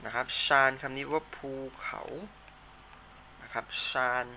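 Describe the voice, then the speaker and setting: A man's voice: medium pitch, fairly even intonation, a little slow, bright, forceful tone, a little hiss or hum. A Thai-accented male teacher explaining vocabulary in a patient classroom lesson, repeating words for students to say back. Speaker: Chinese teacher.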